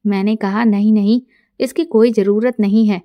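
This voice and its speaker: A middle-aged woman narrating a first-person story in a soft, intimate way, quoting dialogue plainly. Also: medium pitch, fairly even intonation, normal speed, dry recording.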